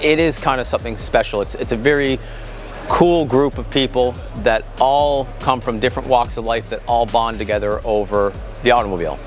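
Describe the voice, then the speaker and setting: A man's voice: mid-range voice, fairly quick, over music. A man speaking earnestly about welcoming everyone into the car community, in an interview.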